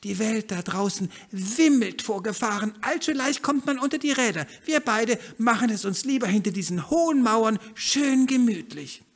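A lame, cautious duck lectures its way through the story, voiced by a man. The voice sits high and prim, with a husky, gravelly texture. Everything is explained in careful, long-winded detail. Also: expressive, normal speed, hardly any pauses. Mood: persuasive. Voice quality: raised, fussy and prim. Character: lame, cautious duck on a walking stick, fussy and slow.

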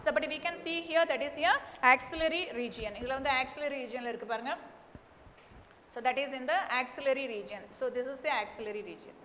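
A woman's voice: high voice, very fast, fairly bright tone. A middle-aged woman with a South Indian Tamil accent, a native Tamil speaker, teaching a classroom lesson that mixes English and Tamil, repeating points emphatically with frequent check-in words. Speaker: botany teacher. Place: indoor teaching studio beside a display board. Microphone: lapel mic. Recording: echoey room with clear background noise.

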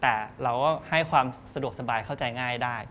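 A man's voice: mid-range voice, fairly even intonation, fast talker, a bit bright, slight background noise. A young man, a tea cafe co-owner, chatting in an interview and explaining things step by step in a loose, easygoing way. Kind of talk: casual interview.

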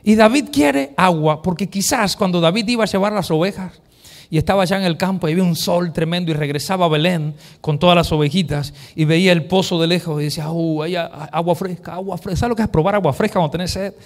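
A male pastor preaching a sermon, telling the story with lively acted-out voices and dropping to a hushed near-whisper for emphasis. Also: high voice, fast talker. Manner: animated storytelling, acting out quoted voices.

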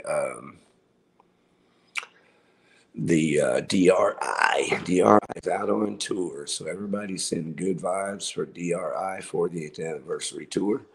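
A man's voice: low voice, animated, unhurried, gravelly. A man hosting a local music show, rambling casually and swearing as he plugs bands and gigs. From Texas. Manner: rambling and profane, with filler words. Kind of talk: casual livestream chat, promoting bands and shows.

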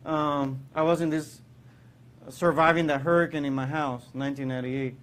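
Man in his thirties, engineering lecture, slightly high voice, lots of ums, lecture hall. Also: steady tone, moderate pace, fairly bright tone. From Puerto Rico. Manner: explanatory, with frequent fillers and restarts. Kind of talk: classroom lecture.

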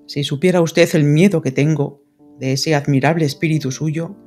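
A woman voicing an earnest, lovesick English lord in an audiobook, speaking formally and pleading gravely. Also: low voice, steady tone, normal speed, darkish tone, soft background music. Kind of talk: audiobook character reading.

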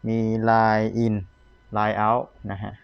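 Low-voiced man giving a casual product demo. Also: completely flat delivery, extremely slow, vocal fry, smooth, dry recording, muffled recording. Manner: polite, ends most phrases with courtesy particles. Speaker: seller demonstrating secondhand audio equipment.

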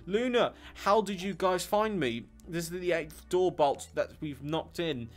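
A man's voice: high voice, expressive, unhurried, pitched above the performer's own voice. A man doing an anxious young boy. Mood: worried.

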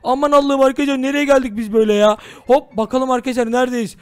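Excitable young man, high and fast. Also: smooth, dry recording. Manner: excitable, addressing viewers, exclaiming. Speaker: gaming YouTuber. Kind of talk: Minecraft role-play commentary.

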